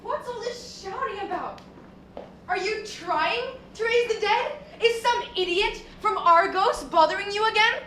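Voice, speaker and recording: A woman's voice: very high voice, a little slow, heavily acted. A student actress playing a fierce, protective old grandmother in a school stage play. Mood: scolding. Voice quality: scolding, sharp-tongued. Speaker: student actor. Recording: echoey hall, faint noise.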